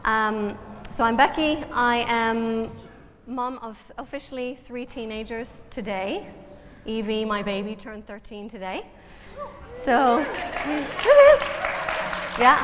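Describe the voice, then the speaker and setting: A woman in her forties speaks with a Canadian accent carrying a slight Irish twang, her voice a little high. She gives a friendly, self-deprecating talk in a church, with plenty of ums. The sound has a long hall echo and a faint background hiss. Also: unhurried, a crowd in the background. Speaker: guest speaker at church, counselor.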